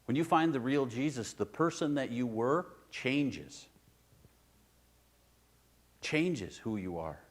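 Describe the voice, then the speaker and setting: This pastor preaches in his church with a medium-pitched voice and lively intonation, taking it slowly and leaving long pauses. His sermon feels conversational, shifting from loud emphasis to quiet asides.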